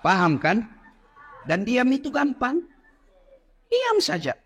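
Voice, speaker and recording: High, lively joking male preacher. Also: takes it slowly, slightly rough, highs cut off. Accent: Indonesian. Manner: jokey, acts out quoted voices, addresses audience directly. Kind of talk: humorous sermon. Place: mosque.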